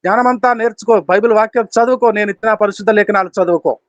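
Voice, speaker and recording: A man's voice: high-pitched, fast talker, no room sound, natural voice. A man voicing God as a stern father, scolding with repeated commands. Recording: dull, dry lo-fi recording.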